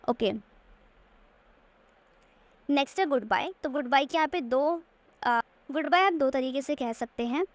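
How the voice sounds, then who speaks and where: A woman teaches a language lesson over slides, with a high, bright-sitting voice. She explains patiently and says each word slowly, often twice, so it can be copied. The recording is close and dry, with no room sound. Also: dry recording. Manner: patient, repeats words slowly to model pronunciation.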